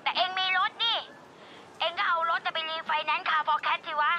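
An actress playing a brash older sibling who sells illegal lottery tickets, talking rough and wheedling for help. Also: female voice, very high voice, steady tone, normal speed, highs cut off. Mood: pleading.

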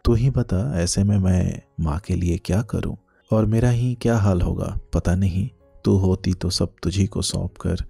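Teasing young man, read by a man, deep gravelly voice, husky, dark tone, audiobook story. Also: a little slow, no room sound, soft background music, exaggerated voice. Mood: sorrowful. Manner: gently teasing, light banter. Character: young man, teasing yet grieving childhood sweetheart.

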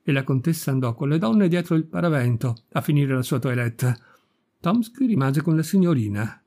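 A man reading a classic story aloud as narrator, measured and unhurried. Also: a little high, lively intonation, mellow. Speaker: audiobook narrator. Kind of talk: scripted literary narration.

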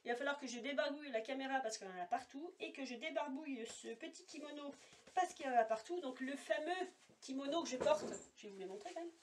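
A woman's voice: sits high, quick pace, a little hiss or hum. A woman making a casual makeup swatch vlog at home, chatty and rambling with many fillers, talking to a camera set apart from her. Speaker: beauty vlogger. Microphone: camera set apart, no monitor. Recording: voice a little far from the mic.

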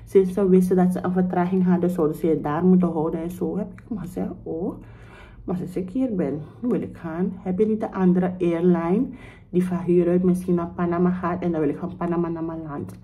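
Young woman, dark mellow voice. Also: fairly low pitch, a little fast, rough recording. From Suriname. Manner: animated retelling, acts out both sides of the dialogue; mixes English phrases into Dutch. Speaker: vlogger. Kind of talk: casual storytime vlog.

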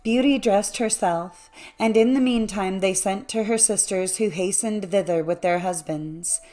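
A woman narrating a classic fairy tale as an audiobook, in a measured, even storytelling manner. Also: mid-range voice, faint music behind.

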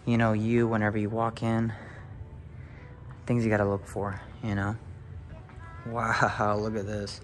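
Holding his phone, a young real estate video host films a casual walkthrough inside a large empty house. He speaks to viewers with excited exclamations and plenty of fillers, in a fairly low-pitched voice.

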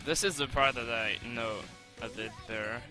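A young man commenting on his own gameplay replay, excitable and swearing, with lots of stumbling restarts, on a home desk mic. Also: medium pitch, moderate pace, music in the background. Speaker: gaming channel host.

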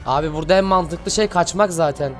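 A man with a high-pitched voice delivers lively reaction commentary, cheering and shouting at what he watches in loose, slangy talk. Soft music plays faintly behind him. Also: a little fast. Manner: animated, shouts at the screen, slangy. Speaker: channel host reacting to an animation.

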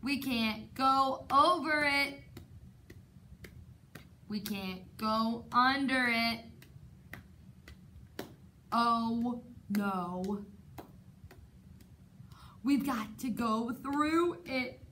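A young woman teacher reads a picture book aloud to children in a dramatic, sing-song way, sitting on the carpeted floor of a classroom, recorded by a camera a few metres away. Her voice is on the high side and sharp, very slow with frequent pauses. There's a little hiss or hum.

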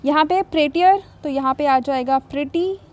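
High-pitched female teacher, patient and methodical, walks students through a worksheet. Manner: patient, reads English rules slowly then explains; repeats "thik hai" to check understanding. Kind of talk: explaining a grammar worksheet.

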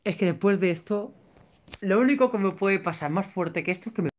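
A woman's voice: medium pitch, fairly quick, darkish tone. A woman chatting emotionally on a livestream, theatrical and exaggerated, reading comments from viewers. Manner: theatrical, tearful, laughing and exaggerated. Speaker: vlogger reading live chat. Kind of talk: emotional casual livestream chat.

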